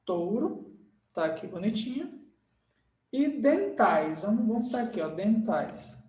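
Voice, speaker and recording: A man teaches grammar at an unhurried, drawn-out pace, repeating words and stopping to ask "right?" His voice sits in the middle of the pitch range and sounds roomy and a little distant, as if recorded in an echoey room away from the mic. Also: animated, a little mellow. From Brazil. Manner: slow, repeats words and checks in with "tá?" and "certo?". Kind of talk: recorded grammar lesson at a board.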